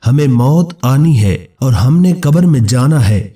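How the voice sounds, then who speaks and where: A man giving a solemn, measured scripted religious narration, speaking as a preacher to his listeners. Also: mid-range voice, expressive, dark tone, recorded from a distance, soft background music.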